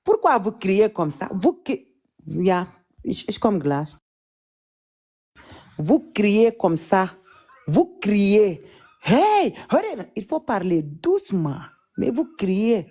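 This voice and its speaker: A woman from Senegal with a Senegalese French accent, hosting a casual live chat in a teasing, mocking way with lots of drawn-out repetition. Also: medium pitch, sing-song, dark tone, breathy edge. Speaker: live stream host.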